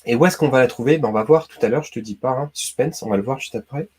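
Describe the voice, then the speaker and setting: Speaking fast in a husky, darkish, medium-pitched voice, a Breton man from France hosts a laid-back YouTube quiz. He talks directly to viewers in a chatty way, saying "hein" and "d'accord" often.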